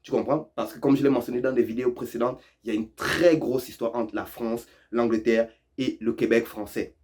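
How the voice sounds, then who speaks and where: A man hosts a casual video lesson on local expressions. He teases his viewers, laughs often and repeats phrases for effect. His voice sits at an ordinary middle pitch. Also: fairly even intonation, brisk, a little mellow. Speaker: YouTube host explaining Quebec French expressions.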